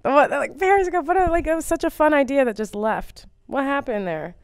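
A woman's voice: high-pitched, brisk, no echo, clean studio sound. An American woman comedian chatting casually as an interview guest, rambling and self-deprecating with plenty of fillers. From United States.

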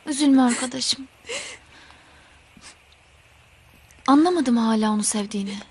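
A sympathetic young friend. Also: female voice, on the high side, fast, husky. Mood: consoling. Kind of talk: TV drama acting.

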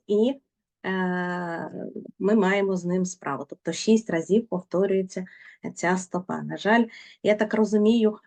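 A woman leads a literature class at an even, middling pitch. She keeps prompting her students with questions and coaxes them toward answers. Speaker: teacher. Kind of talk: literature lesson.

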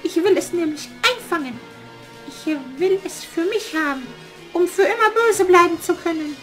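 A man voicing a scheming, bossy old witch in a puppet theater play, with a shrill falsetto cackle and a commanding, theatrical manner. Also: normal speed, fairly bright tone, soft background music.

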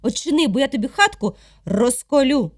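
A sharp little talking awl from a folk tale, curt, stubborn and blunt in a raised, high voice, put on by a woman reader. Its pitch jumps about as it talks. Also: animated, normal speed, no room sound, studio quality. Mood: threatening.

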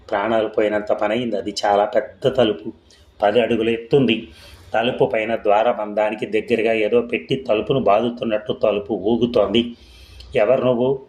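A man reading a ghost story aloud in a steady, scripted storytelling way. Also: lowish voice, fairly quick, echoey room, rough recording. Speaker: narrator. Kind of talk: scripted audiobook narration.

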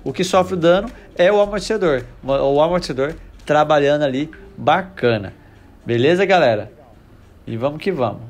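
A man's voice: on the high side, lively intonation, normal speed. A man hosting a motorcycle channel, giving enthusiastic casual test-ride commentary straight to his viewers, repeating himself as he goes.

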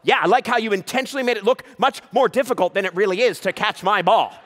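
On a live stage before an audience, a man performs a comedy juggling act, teasing a volunteer with playful banter and hyping the crowd. His voice is high-pitched, quick and fairly bright.

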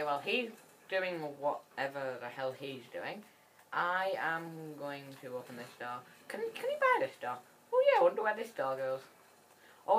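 A woman giving chatty, excitable gameplay commentary that rambles and restarts. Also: deep voice, a little hiss or hum. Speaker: gaming channel host.

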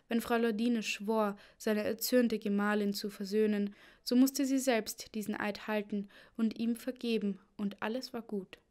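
A woman narrating a children's storybook in a steady, even reading style. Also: mid-range voice. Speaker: audiobook narrator.

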